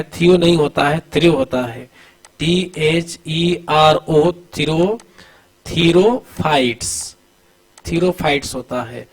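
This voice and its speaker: A male coaching teacher gives an exam-prep lesson over diagrams. He asks questions, repeats the answers as a drill, and calls students "beta" while urging them to answer fast. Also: fairly high pitch, low-quality recording. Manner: addresses students familiarly, urging quick answers.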